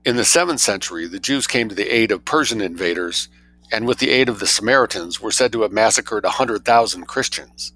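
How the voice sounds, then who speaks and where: A man with a fairly low, bright and forceful voice reads scholarly writing aloud. He delivers it like dictation, voicing the citations and punctuation of quotations along with the text. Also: a little fast, a little hiss or hum, poor audio. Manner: dictating, speaks quote marks, citations and spellings aloud. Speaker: narrator reading a scholarly book aloud.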